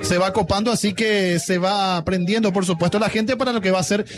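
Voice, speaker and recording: A man comments on football live on the radio, taking his time to explain. His voice sits high for a man. A music bed plays clearly behind him. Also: steady tone. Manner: measured, explanatory, with fillers.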